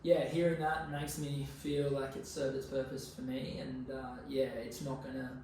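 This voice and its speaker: A young Australian man talks as a relaxed interview guest, using plenty of slang and swearing. His voice is picked up from a distance in a very echoey room, with clear background noise. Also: medium pitch, normal speed. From Queensland, Australia. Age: 20s. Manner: laid-back, slangy, sweary. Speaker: podcast guest. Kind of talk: casual conversational interview.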